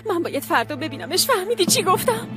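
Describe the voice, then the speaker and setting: An actress voicing a defiant young woman who is locked away, pleading with her mother and plotting in low hushed tones. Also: big pitch swings, music in the background. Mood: pleading, scheming. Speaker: daughter. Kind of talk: TV drama dub.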